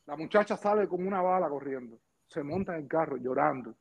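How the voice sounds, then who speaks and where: A middle-aged man with a Cuban accent, a former pitcher telling anecdotes casually in an interview, slangy and lively, acting out the dialogue. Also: fast talker, gravelly. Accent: Cuban Spanish. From Cuba. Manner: lively storyteller, slangy asides, acts out dialogue. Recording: muffled lo-fi podcast audio.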